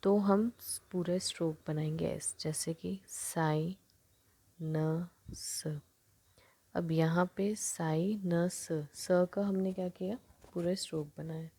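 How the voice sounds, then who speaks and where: Woman teacher, low and dark-toned, soft and half-whispered, walks through shorthand rules. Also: steady tone, takes it slowly, husky. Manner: soft, often sinking to a near whisper while writing; mixes Hindi with English terms. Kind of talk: explaining shorthand strokes.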